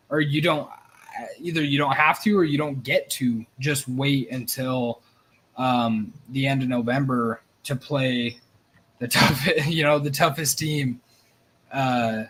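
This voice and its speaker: A man hosting a casual sports show, rambling and excitable, with some swearing and nervous energy. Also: medium pitch, a little slow, husky. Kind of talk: casual live sports chat.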